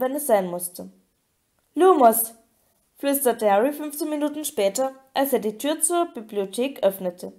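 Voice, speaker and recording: A woman narrating an audiobook with a steady, expressive reading. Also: sits high. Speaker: audiobook reader.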